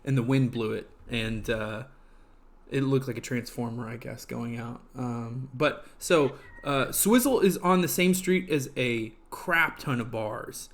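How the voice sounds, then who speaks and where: A man's voice: mid-range voice, a little slow. A man hosting a casual live stream, rambling and filling gaps with ums and uhs. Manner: rambling, heavy on fillers and restarts. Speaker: livestream host.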